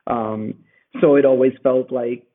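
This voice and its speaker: A guest author whose first language is Italian speaks thoughtfully in a conversational interview from his home in Rome, using many fillers and restarts. Over a tinny, phone-like remote call, his mid-range voice keeps a fairly even intonation at a measured pace.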